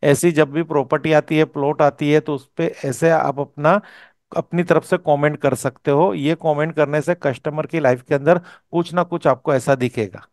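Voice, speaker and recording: A man's voice: fairly high pitch, steady tone, moderate pace, darkish tone, no echo, clean studio sound. A man teaching a course, explaining step by step and often checking that his student follows. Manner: explanatory, checks understanding with "okay?". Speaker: vastu teacher.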